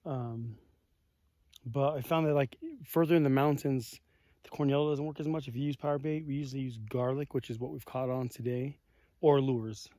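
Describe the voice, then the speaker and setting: A man's voice: mid-range voice, fairly even intonation, moderate pace, mellow, no room sound. Man, 40s, casual vlogger, phone held at arm's length outside, dry sound, mid-range voice, loose fillers. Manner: laid-back, rambling, peppered with fillers. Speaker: vlogger on a family fishing trip. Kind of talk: casual explanatory chat. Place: outdoors on a mountain lakeshore.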